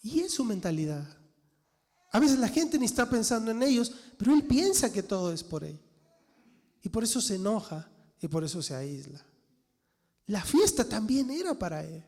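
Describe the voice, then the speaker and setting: A man's voice: high voice, sing-song, moderate pace, long pauses, darkish tone. Man preaching in an echoey church hall. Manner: preaching with dramatic quoted voices and rhetorical questions. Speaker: pastor. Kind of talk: sermon.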